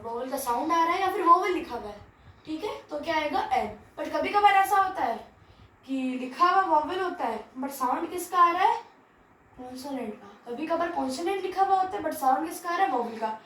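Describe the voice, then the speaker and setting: A woman teaches a grammar class in a mix of Hindi and English, posing rhetorical questions, answering them herself, and checking in with "theek hai." Her high voice has lively intonation and a slightly bright tone at a fairly quick pace. She sounds distant from the mic in an echoey room with slight background noise.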